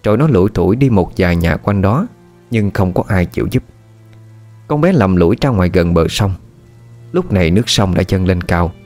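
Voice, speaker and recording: A man narrating a ghost story in a steady, somber way. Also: low-pitched, moderate pace. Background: rain and soft music.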